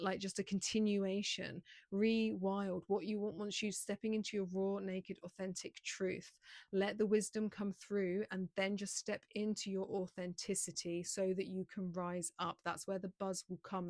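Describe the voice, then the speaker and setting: A woman doing a pick-a-card tarot reading for viewers, speaking in gentle, repetitive affirmations with many filler words. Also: medium pitch, dry recording, studio quality.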